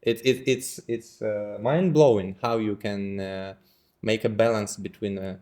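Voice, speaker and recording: A man's voice: lowish voice, steady tone, unhurried, darkish tone. Young man asking long rambling questions. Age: 20s. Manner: long rambling questions, many uh fillers, non-native English. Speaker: interviewer. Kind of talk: interview questions.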